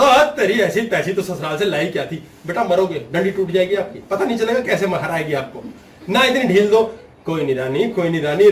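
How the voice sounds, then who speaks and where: Male spiritual teacher, high voice, playful storyteller who acts out voices; distant mic, roomy echo. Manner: humorous storytelling, acts out voices, laughs often. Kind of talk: spiritual discourse to a live audience. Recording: echoey room, distant mic, faint noise.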